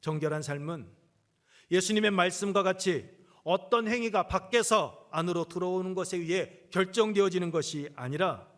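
A man preaches from the pulpit of a church, his fairly high voice climbing with emphasis through long lists and then sinking quietly at the close of each sentence. He speaks straight to the congregation again and again, steady and earnest in the manner of a Sunday sermon. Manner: preaching with rising emphatic peaks and falling phrase ends; addresses the congregation often as "여러분". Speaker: pastor. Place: church sanctuary.

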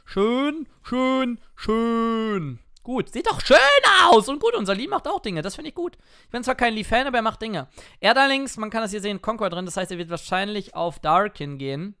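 A man commentating his own gameplay in a playful, excitable way, now and then jumping into shouts. He talks into a headset or desk mic at a home gaming setup. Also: high-pitched, fast. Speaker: gaming streamer. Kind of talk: let's play commentary.

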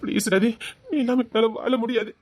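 A woman's voice: on the high side, fairly even intonation, a little fast, darkish tone, dry recording, lightly acted. A woman voicing a desperate young man in love who pleads and threatens in an audio drama. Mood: pleading. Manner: pleading, repeats her name, emotional threats. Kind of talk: Tamil audio drama acting.

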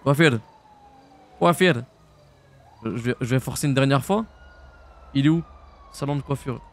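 A young French man streaming a roleplay game, chatting casually in slang and jumping into high shouts. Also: slight background noise. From France. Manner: casual slangy banter, quick jumps to high-pitched shouts. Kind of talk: live-stream roleplay chat.

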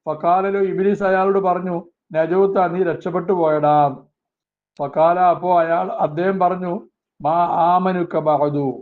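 A man teaching a religious text class. He reads Arabic phrases slowly, then explains each one quickly. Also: high-pitched, level tone. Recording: tinny phone-like lo-fi sound.

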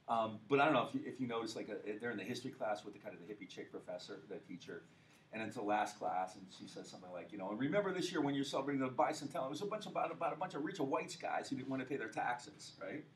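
A man lecturing a university history class in a loose, joking style, full of fillers and rhetorical questions to the students. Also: deep voice. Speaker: history professor. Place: lecture hall. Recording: far-off mic with faint hiss.

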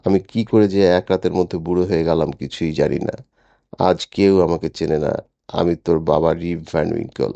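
A man's voice: sits low, fairly even intonation, normal speed, creaky, warm tone, no room sound, dull audio. A man voicing a confused old man, muttering in bewilderment in an audiobook. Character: confused old man who lost twenty years.

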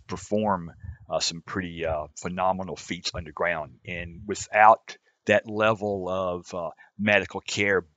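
A man's voice: low voice, a bit bright, no room sound. A man on a cave rescue team, talking in a roundtable discussion with many fillers and restarts.

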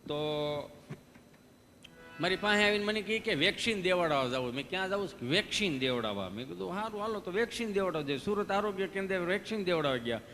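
A man's voice: sits high, lively intonation, fast talker, sharp tone, slight background noise. A man doing live folk comedy on stage, telling folksy stories and acting out the dialogues. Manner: folksy storytelling, asks the audience questions, acts out dialogues. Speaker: stand-up comedian. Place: live stage show before an audience. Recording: stage hall reverb with faint music.

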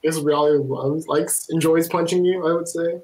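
A playful player chats through a tabletop game and laughs easily. The voice sits at a middle pitch. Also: steady tone, moderate pace, darkish tone, poor audio. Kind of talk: casual tabletop play.

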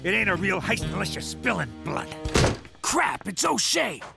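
A man voicing a gruff, shifty mobster with a gravelly voice in an adult cartoon. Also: high voice, sing-song, moderate pace, loud music behind the voice, heavily acted.

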